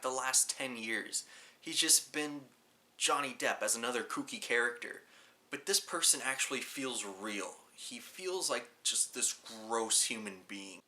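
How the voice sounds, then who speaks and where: A man's voice: mid-range voice, bright, forceful tone. A man hosting a casual movie review, talking in a rambling, offhand way with self-mocking jokes. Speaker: film reviewer and show host.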